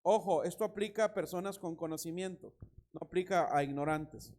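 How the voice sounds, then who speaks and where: High-voiced man preaching a sermon. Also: normal speed. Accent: Mexican Spanish. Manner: animated preaching, reads scripture, tells anecdotes with laughter. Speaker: pastor.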